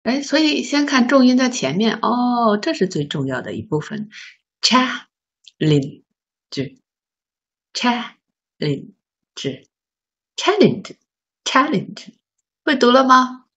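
A woman teaching a beginner English lesson, patiently asking learners questions and sounding out words slowly. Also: on the high side, animated, a bit bright. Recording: slightly dull lo-fi recording.

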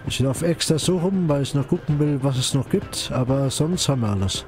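A man's voice: mid-range voice, brisk, over music. A man giving casual commentary while he plays a video game. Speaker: let's player commenting on a game.

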